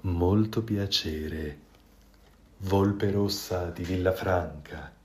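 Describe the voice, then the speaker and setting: A man voicing a sly, impatient male fox with a low, scheming, exasperated manner in a storybook reading. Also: very slow.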